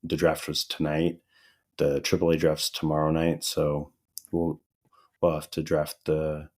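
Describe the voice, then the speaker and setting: A man in his thirties co-hosting a casual podcast, his voice a little raspy and dry from a recent loss of voice, telling stories with easy laughs. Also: a bass voice, measured pace. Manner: relaxed storytelling, laughing often. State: hoarse, recovering voice. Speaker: podcast co-host. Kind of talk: casual chat.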